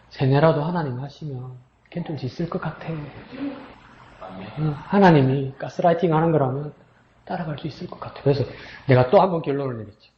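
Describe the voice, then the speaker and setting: A man's voice: mid-range voice, a little hiss or hum. A man, a pastor, preaching an emotional, storytelling sermon to his congregation and rising into a pleading tone when he voices God's words. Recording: roomy, slightly dull sound.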